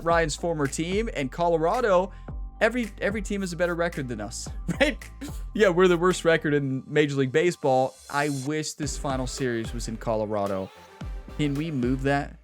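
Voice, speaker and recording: An excitable man talks through his baseball video game, chatty and quick to laugh. His voice sits fairly high, and faint music plays under it. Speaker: gaming YouTuber. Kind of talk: casual gameplay commentary.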